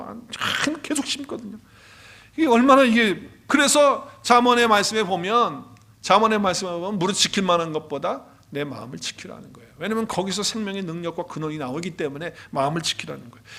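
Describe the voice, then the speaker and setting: A man's voice: sits high, pushed and bright. A man preaching a Sunday sermon as pastor, emphatic, repeating key phrases and putting questions to the congregation. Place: church sanctuary.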